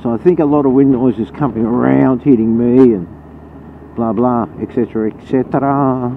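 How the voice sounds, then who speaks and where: Through muffled, narrow-band helmet audio, an Australian vlogger riding a motorcycle offers an offhand, rambling, straight-talking commentary against loud engine, wind and road noise. His voice is medium in pitch, fairly even in intonation, and moderately paced.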